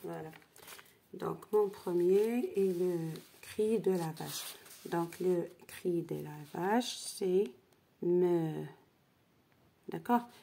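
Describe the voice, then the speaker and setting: Woman teacher, very slow delivery, dark husky voice, going step by step through exercises. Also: on the low side. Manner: spells out syllables, checks in with d'accord. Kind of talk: slow worksheet lesson.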